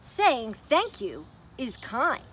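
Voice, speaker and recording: Reading to kids at story time, this woman gives simple, upbeat explanations alongside craft instructions. Her high-pitched voice swings hugely in pitch, moving slowly with a fairly bright tone, and there's a little background noise.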